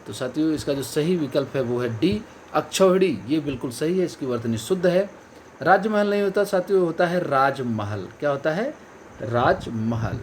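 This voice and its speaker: A man's voice: a little high, darkish tone, a little hiss or hum. A male coaching teacher giving an online exam-prep lesson, stressing each key word and repeating the correct answer. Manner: addresses viewers as friends and companions.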